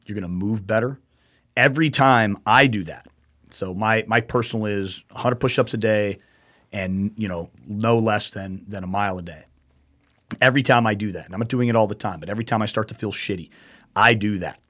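A man's voice: fairly low pitch, fairly quick, a bit bright. A man hosting a casual talk show, rambling and repeating himself with emphasis and the odd swear word. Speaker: show host.

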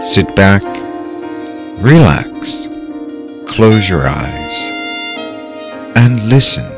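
A man narrating a guided visualization in a measured, theatrical manner with long dramatic pauses. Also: fairly low pitch, big pitch swings, gravelly. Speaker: host. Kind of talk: slow guided visualization narration over music. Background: soft background music.

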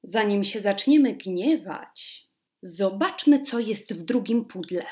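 Woman reading as an old emperor, calm fatherly tone, slow and patient. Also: medium pitch. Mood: measured.

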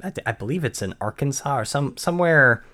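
A man's voice: mid-range voice, lively intonation, quick pace. A man from Maine co-hosting a podcast, explaining in casual chat with frequent ums and restarts. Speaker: podcast co-host.

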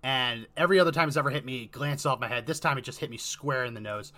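A man's voice: mid-range voice, fast, pushed and bright. A middle-aged man from Texas hosting a podcast, telling a story casually with a rambling manner. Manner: rambling, many fillers and restarts. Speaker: podcast host.

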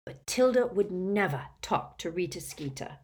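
A woman voicing a flustered, loyal elderly gentleman who speaks feebly and defensively. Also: fairly low pitch, lively intonation, moderate pace, breathy edge.

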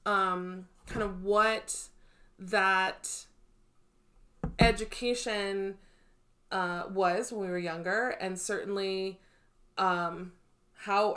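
A woman co-hosting a candid chat podcast, speaking in a measured, reflective way with filler ums. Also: medium pitch, steady tone, a bit bright. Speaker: podcast co-host.

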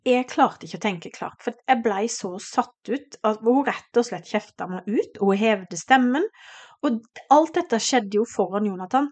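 A middle-aged woman from Norway telling a personal story on her podcast, animated and emotional, acting out the lines of the people in it. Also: fairly high pitch. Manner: emotional, animated retelling with quoted dialogue. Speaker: podcast host.

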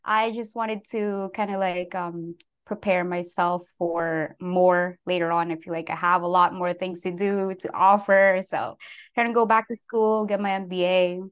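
A woman's voice: fairly low pitch, unhurried, clean tone. A young adult woman from the Philippines, a guest talking casually in an interview with many filler words. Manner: relaxed, lots of "like" fillers, laughs between phrases.

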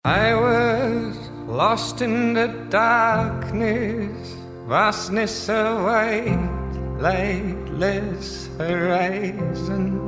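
A singer performing a slow, introspective ballad over instruments. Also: male voice, sits high. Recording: reverberant music recording.

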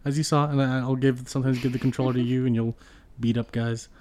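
A woman with an unusually low voice hosts a relaxed podcast. She laughs readily and keeps the conversation moving with one question after another. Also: fast, slight background noise. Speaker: podcast host. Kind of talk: casual podcast chat.

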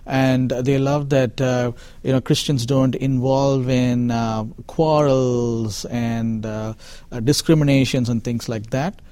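A man from Chennai with an Indian accent, calmly explaining as an interview guest, with many fillers. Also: medium pitch, slow pace, clean tone, dry recording. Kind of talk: interview answers.

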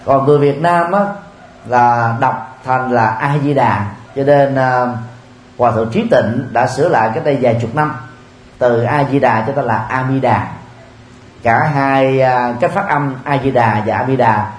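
A man giving a Buddhist dharma talk, speaking in a measured way with frequent pauses and filler sounds. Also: medium pitch. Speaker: Buddhist teacher. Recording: roomy with faint ambient noise.

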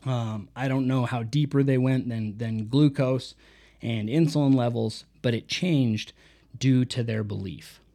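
A man's voice: mid-range voice, measured pace, gravelly, dark tone. A man talking through a book in a casual, reflective review, reading out quotes and mixing in personal stories.

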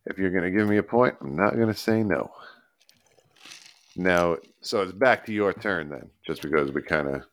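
A man's voice: deep voice, lively intonation, moderate pace, fairly bright tone. A man co-hosting a podcast in casual chat, methodically reasoning through the scoring. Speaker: podcast co-host.

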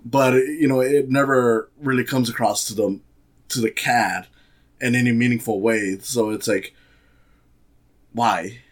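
A man's voice: medium pitch, fairly even intonation, a little slow, long pauses. A man giving a casual, sarcastic movie review, rambling with many fillers and restarts. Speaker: film reviewer.

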